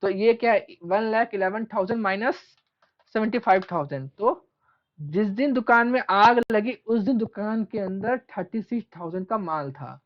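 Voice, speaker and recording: Man quizzing his class, dull lo-fi audio. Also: sits high. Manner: asks questions and answers them himself, repeats key terms; stretches out terms slowly while writing. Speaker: commerce teacher. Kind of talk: classroom lecture. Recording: dull lo-fi recording.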